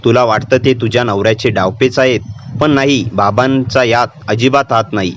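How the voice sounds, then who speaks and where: In a clip with slight background noise, a man with a natural, medium-pitched voice speaks at a moderate pace. He voices a young girl possessed by a vengeful female spirit, narrating the story in a cold, menacing way and calmly taunting.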